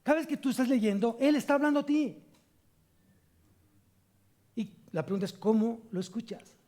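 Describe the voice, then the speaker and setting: A man preaching a sermon at a church service, reading scripture slowly and putting questions to the congregation. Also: very high voice, a little mellow. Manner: slow emphatic reading of scripture. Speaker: pastor.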